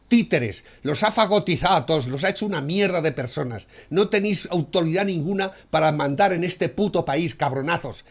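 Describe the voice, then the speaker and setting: A man from Spain ranting furiously about politics, swearing and shouting insults. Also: fairly high pitch. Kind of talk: profane political rant.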